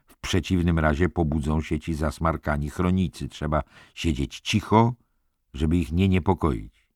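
A man reading a novel aloud in calm, even scripted narration. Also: very deep voice, moderate pace, dry recording, studio quality. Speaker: audiobook narrator.

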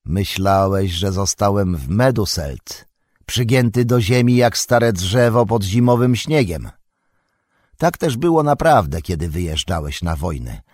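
A man reading aloud, voicing an aged king who speaks with stern command, with a husky voice. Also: on the low side, lively intonation, unhurried, darkish tone, no echo, studio quality.

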